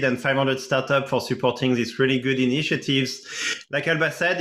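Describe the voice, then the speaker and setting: A man's voice: mid-range voice, pushed and bright. A man moderating an online interview, friendly and chatty with light jokes.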